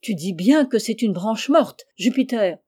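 A woman voicing an excitable eccentric man. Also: fairly high pitch, normal speed. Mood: urgent. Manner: urgent, commanding questions. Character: excitable eccentric man, obsessed treasure seeker.

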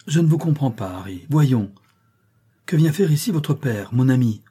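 A man voicing a bewildered Mexican gentleman who asks puzzled questions, in an audiobook. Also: medium pitch, expressive, moderate pace, slightly rough.

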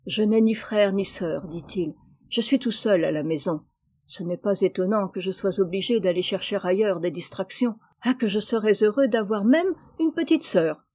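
A woman's voice: mid-range voice, moderate pace, darkish tone, natural voice. A woman reading the lines of a proud but lonely teenage boy cousin in an audiobook, earnest and a little sheepish. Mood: wistful.

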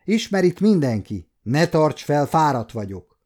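A man voicing a firm, curt nobleman knight in an audiobook, speaking in a dark, mellow tone. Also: fairly high pitch, big pitch swings, pitched above the performer's own voice. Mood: irritated.

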